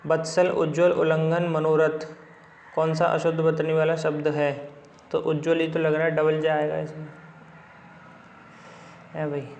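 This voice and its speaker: A man's voice: a little high, monotone, measured pace, creaky, long pauses, a little mellow, echoey room, lo-fi sound. Man tutoring spelling, repeating each word. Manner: repeats words over and over, informal asides. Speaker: Hindi exam tutor. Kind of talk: spelling lesson walking through a book.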